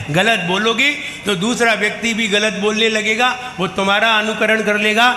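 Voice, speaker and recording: A high, bright male voice delivers a lively storytelling sermon, acting out little scenes as he goes. He sounds like a monk addressing a gathering, his words ringing through a long, reverberant temple hall with a faint hum of ambience behind. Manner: animated storytelling, mimicking children's lisps. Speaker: Jain monk preacher.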